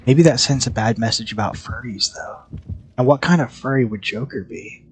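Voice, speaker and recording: A man streaming a horror game live, chatting with viewers and reacting loudly to the match. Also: mid-range voice, normal speed, slight background noise. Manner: chatty, reacts loudly and reads chat aloud. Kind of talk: live gameplay commentary.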